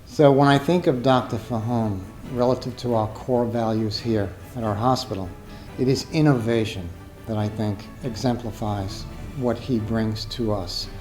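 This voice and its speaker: A man speaking thoughtfully with small pauses, praising a colleague in an interview. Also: medium pitch. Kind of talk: tribute interview. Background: soft background music.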